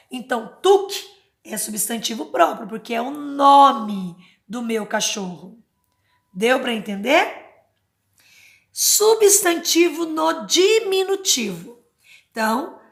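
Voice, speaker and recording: Slow, patient woman teacher, high voice. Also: gravelly, fairly bright tone, roomy sound. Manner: slow, patient, spells words out syllable by syllable; checks understanding with tag questions. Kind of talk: recorded Portuguese grammar lesson for children.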